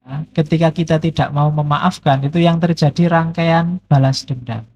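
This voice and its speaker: Middle-aged male lecturer, joking and conversational, breathy edge to the voice. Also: fairly high pitch, normal speed. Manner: relaxed, joking, conversational teaching with playful examples. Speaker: philosophy lecturer. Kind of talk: casual philosophy lecture. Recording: dull lo-fi lecture recording.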